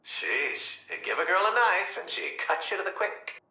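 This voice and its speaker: An actor playing the Joker as a flamboyant, talkative, murderous clown villain in a video game, with a jokey, theatrical manner. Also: male voice, high voice, very animated, moderate pace, roomy sound, background noise. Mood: amused, teasing. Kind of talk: animated video game voice acting.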